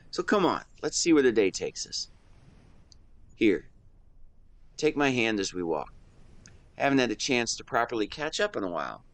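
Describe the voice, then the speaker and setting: In a romantic audio roleplay, a man plays an affectionate, playful young best friend, addressing the listener in a teasing, tender, expressive way. His voice is mid-range and the recording is dry.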